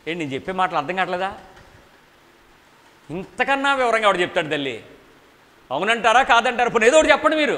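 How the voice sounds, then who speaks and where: A male preacher with a high voice delivers an emphatic sermon, putting question after question to his listeners. The recording carries a long reverb from a large meeting hall. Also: pushed and bright. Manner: emphatic, asks the congregation repeated questions.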